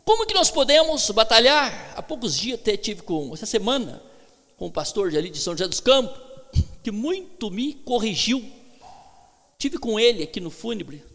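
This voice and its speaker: Male Brazilian pastor, bright high voice, lively emphatic preaching, echoey church hall. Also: moderate pace. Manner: preaching with emphatic swings between loud calls and hushed asides. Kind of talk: sermon. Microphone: handheld microphone.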